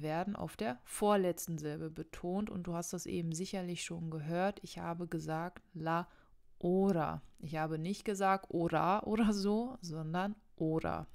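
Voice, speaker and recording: A woman's voice: fairly low pitch, a little mellow, clear, resonant tone. A young woman teaching Spanish in a casual online video lesson, talking straight to the viewer and correcting herself as she goes. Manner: chatty, self-correcting, addresses viewer directly.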